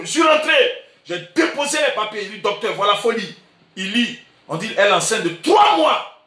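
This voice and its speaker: A male pastor with an Ivorian French accent, preaching emphatically and repeating himself, sometimes breaking into shouts. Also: sits high, recorded from a distance. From Côte d'Ivoire. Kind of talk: sermon. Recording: echoey room, voice from afar.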